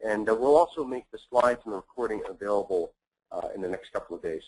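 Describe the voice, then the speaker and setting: A man hosting and presenting a business webinar, speaking in a measured way with frequent filler words. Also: lowish voice, lively intonation, darkish tone, poor audio. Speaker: webinar host.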